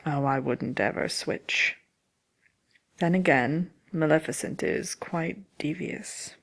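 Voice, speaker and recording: A woman's voice: low voice, slow pace, gravelly, exaggerated voice. A woman voicing a haughty, mischievous wicked witch in an in-character ASMR question-and-answer chat, sly, theatrical and dryly self-important. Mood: sly musing.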